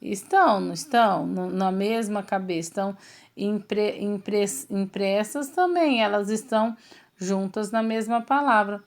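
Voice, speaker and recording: A woman with a Brazilian Portuguese accent teaches a lesson at an unhurried, slow pace. She explains things patiently, one small step at a time, and keeps checking that the pupils are following. Her voice sits at an ordinary middle pitch. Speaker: schoolteacher. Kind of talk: recorded remote lesson going through a textbook.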